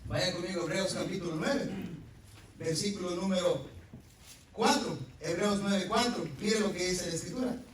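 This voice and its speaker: Male pastor, sermon, fairly high voice, very reverberant church hall with faint noise. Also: moderate pace, pauses often, far from the mic. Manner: swings from loud emphatic preaching to quiet asides; addresses the congregation directly with questions. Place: church sanctuary.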